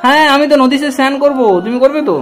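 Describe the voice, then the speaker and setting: A man's voice: very high-pitched, little pitch movement, very fast. A man chatting to his viewers in a casual vlog, his voice heavy and stuffy from a cold, coaxing and playful. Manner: coaxing and playful with a child, addresses viewers as friends. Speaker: vlogger.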